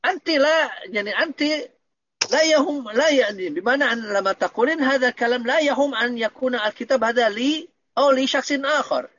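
A man's voice: very high-pitched, fairly quick, fairly bright tone, dull audio, slight background noise. A man teaching Arabic grammar in an online lesson, patiently explaining and checking that students understand.

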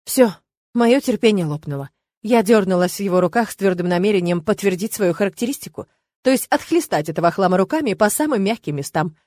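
A woman narrates a first-person audiobook, steady and expressive, at a middle pitch. The recording is close and dry, with no room sound. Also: fairly quick, no echo.

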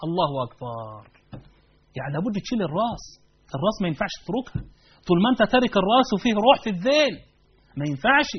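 A man's voice: high voice, expressive, very fast, pauses often, breathy edge. A man with an Egyptian Arabic accent giving a religious lesson, speaking emphatically and asking his listeners rhetorical questions. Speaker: preacher. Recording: dull lo-fi recording.

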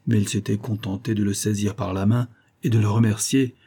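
A male audiobook narrator reads a classic novel at a steady, measured pace. His voice is low and dark, with a husky grain. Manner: steady, measured storytelling delivery.

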